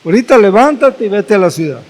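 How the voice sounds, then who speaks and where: A man pastor preaching a sermon, retelling scripture slowly and dramatically with repeated phrases. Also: high voice, sing-song, a little mellow. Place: church hall. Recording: echoey church hall.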